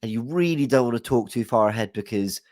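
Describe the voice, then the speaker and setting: Fast and animated, a young man with a medium-pitched, slightly mellow voice chats casually on a football podcast via video call from his home room. He's congested from hay fever and comes across nervous and rambling, with lots of apologies. A studio mic with headset gives a dry, studio-quality sound.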